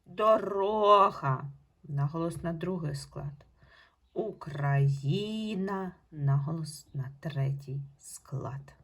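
A woman teacher giving a recorded online lesson to young pupils, speaking in slow, patient, clearly spaced instructions. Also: low-pitched, steady tone, mellow. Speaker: primary school teacher.

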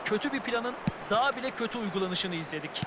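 Loud noise sits behind a male football analyst with a high-pitched voice. He co-commentates, passing opinionated judgement on the players and the run of play. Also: animated, quick pace.

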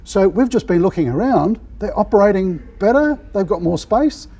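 Man, fifties, interview host, upbeat and chatty, slightly high voice, husky, warehouse, lapel mic. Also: expressive, moderate pace, warm tone. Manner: upbeat, chatty, frequent "yeah" affirmations. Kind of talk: on-site interview. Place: large indoor warehouse.

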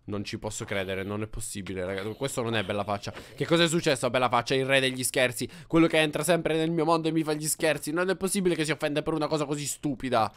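A man's voice: on the high side, fast talker, few pauses, smooth, no room sound. Playful young man hosting a game video. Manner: playful, teasing, shouts in bursts. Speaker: gaming YouTuber. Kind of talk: Minecraft let's play with prank banter.

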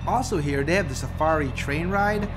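Strolling through a zoo, this family vlogger, a middle-aged man, talks to a camera held at arm's length in a chatty, upbeat way. He speaks at normal speed with a voice on the high side, while a crowd and other outdoor noise fill the background.

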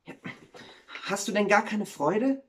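A man's voice: high voice, sing-song, moderate pace, darkish tone, a little hiss or hum, pitched above the performer's own voice. A man voicing the miller's wife in a told fairy tale, speaking in a raised, earnest tone. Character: miller's wife, warm-hearted woman.

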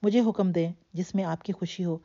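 A woman's voice: fairly low pitch, fairly even intonation, dark tone, dull audio. A woman reading the lines of a young man who teases and soothes the aunt he loves like a mother. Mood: playful. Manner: light, playful, soothing. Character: young man, affectionate, teasing nephew.

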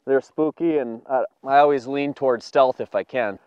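Heard through a muffled recording with a clean tone and no room sound, a medium-pitched man speaks at a moderate pace. He's a fishing video producer in his thirties, cheerfully showing off his tackle and catches from an open boat on a lake in an on-the-water demonstration.

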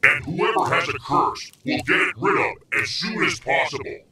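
An impersonal game system voiced by a man delivers ominous announcements in a storytime. The voice is on the high side for a male, drenched in echo and distant, with clear noise. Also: animated, moderate pace, close to an everyday voice. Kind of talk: scripted announcements. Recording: very echoey, distant, noisy with clicks.

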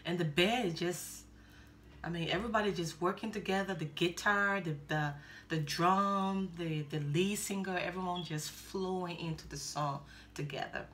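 A woman's voice: fairly low pitch, moderate pace, fairly bright tone, a little hiss or hum. A middle-aged woman hosting a music reaction video, chatting enthusiastically to viewers from a small room. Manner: enthusiastic, repeats words, addresses viewers as guys. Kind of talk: casual reaction commentary. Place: indoors, small room, seated in gaming chair.

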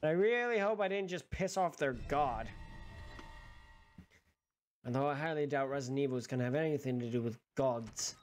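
A man's voice: mid-range voice, normal speed, pauses often, soft background music. A young man giving casual, sarcastic, sweary commentary as he plays a game. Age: young adult. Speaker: gaming streamer. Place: small bedroom-like room indoors.

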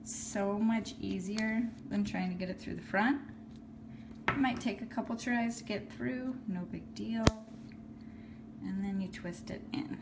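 A woman's voice: mid-range voice, a little slow, creaky, heavy background noise. Casual woman talking through a craft tutorial. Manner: friendly and practical, talking while working with her hands. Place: indoors at a table. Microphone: phone camera filming hands from above.

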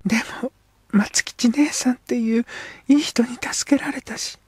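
A man voicing an earnest young Edo girl in an audiobook, speaking in pleading, breathy half-whispers. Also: very high voice, fairly even intonation, unhurried, dry recording, voice pushed up, exaggerated voice. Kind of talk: audiobook character voice.

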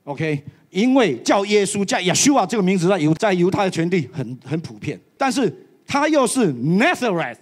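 Before a live audience, a church elder preaches an animated sermon in a high voice, sprinkling English phrases throughout.

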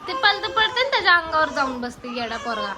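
A woman's voice: very high-pitched, sing-song, quick pace. A young woman and mother talking casually on her home vlog, chatty, venting to the camera and coaxing her toddler. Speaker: mother and family vlogger. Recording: home recording with background noise.

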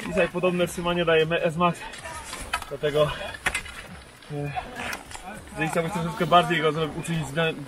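A man's voice: on the high side, little pitch movement, moderate pace, long pauses, a crowd in the background. A young man testing skis outdoors on a slope, explaining eagerly to a close camera. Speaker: ski tester. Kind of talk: product review. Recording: outdoor slope with wind noise.

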